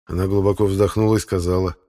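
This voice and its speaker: Audiobook narrator, male, deep and steady, measured delivery. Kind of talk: scripted narration.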